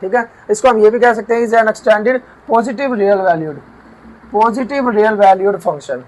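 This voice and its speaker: High-voiced man teaching a math lesson. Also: slow, a little mellow, low-quality recording. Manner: explains step by step, repeats and asks himself questions. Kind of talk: whiteboard math lecture. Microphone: camera mic while writing.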